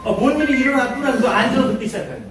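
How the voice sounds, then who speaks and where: A man pastor giving a storytelling lecture, animated and often laughing as he acts out scenes. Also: extremely high pitch, racing, over music. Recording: echoey hall from far off, faint noise.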